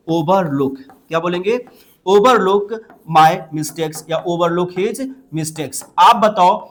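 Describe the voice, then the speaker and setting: A man teaching English phrases, explaining in Hindi, asking the listeners questions and repeating each English phrase slowly. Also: high voice. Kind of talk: spoken English lesson.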